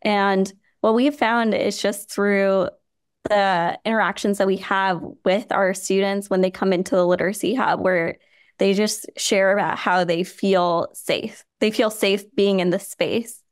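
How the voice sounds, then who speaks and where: A nonprofit founder from Chicago, USA, who grew up speaking Hindi and Gujarati, gives a podcast interview answer in an earnest, steady manner, often saying "you know." Her smooth, clear mid-range voice has fairly even intonation and a slightly slow pace. The sound is close and dry, with no echo or room.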